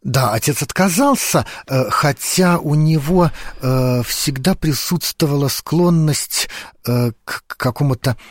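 A man's voice: a little high, a little slow, no echo, clean studio sound. A man in his forties, a guest lecturer on a radio talk show, speaking thoughtfully with frequent fillers. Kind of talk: radio interview. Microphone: studio microphone.

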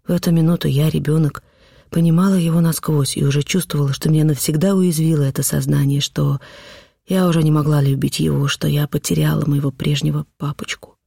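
A man reading a literary novel aloud in a measured, expressive narration. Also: on the high side, creaky, no echo, studio quality. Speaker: audiobook reader.

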